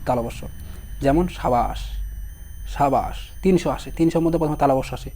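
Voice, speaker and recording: A hoarse young man with a dark, mellow tone, fairly high for a man. He runs an online exam-prep lesson, sounding out each word slowly and asking his students questions as he spells it. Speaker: teacher.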